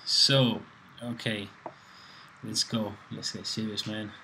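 Laid-back man, flat and low. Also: measured pace, a little hiss or hum, rough recording. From Spain. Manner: laid-back, swearing, joking banter. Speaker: fitness coach. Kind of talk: casual workout voice-over commentary. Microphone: voice-over, close mic.

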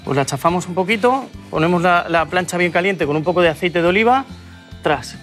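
A Spanish man hosts a cooking show from a TV studio kitchen set, chatting enthusiastically while he demonstrates a dish. His high voice is animated, brisk and fairly bright, with faint music behind.

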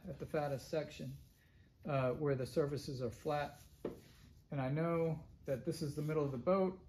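In a large indoor woodworking shop, a middle-aged man casually talks through his boat build, thinking aloud with plenty of fillers while recording on a handheld phone. His voice is fairly high and dark-toned, with slight background noise.

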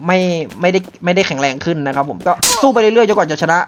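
A man giving excited live gameplay commentary, often exclaiming and repeating words in rapid bursts. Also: high voice, noisy background. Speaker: game streamer. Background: loud music.

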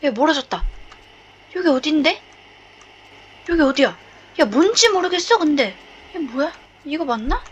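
A woman playing a horror game and chatting nervously as she explores, often shouting and laughing from fright. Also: high voice, sing-song, measured pace, pauses often, highs cut off. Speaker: game streamer. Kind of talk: horror game let's play.

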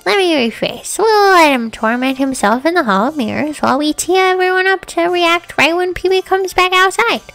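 Sassy cartoon bully girl, acted by a woman, high, gravelly fry, bossy, sardonic, music behind. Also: lively intonation, normal speed, hardly any pauses, fairly bright tone, full character voice. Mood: scheming. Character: sassy, scheming cool-kid bully girl.

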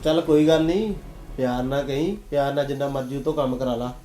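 A man playing a lazy husband who tries to calm his angry wife. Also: medium pitch, close to an everyday voice. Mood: placating. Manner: calming, rapid.

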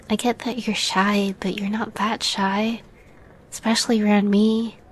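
In this intimate roleplay, a woman plays a bashful catgirl roommate who speaks hesitantly with a playful edge and frequently softens almost to a whisper. Her voice sits on the high side, and the mood is teasing and playful.

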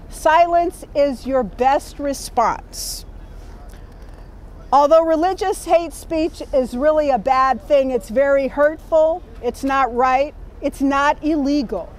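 A woman's voice: sits high, slight background noise. A woman leading a community training, reading a guide aloud to a group in a projecting teacher voice and checking in with them.

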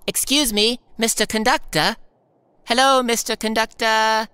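A man's voice: high voice, fairly even intonation, unhurried, pushed and bright, smooth, no echo. A man voicing a young male pop star hero in a cartoon, dry and easily exasperated. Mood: curious. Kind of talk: cartoon voice acting.

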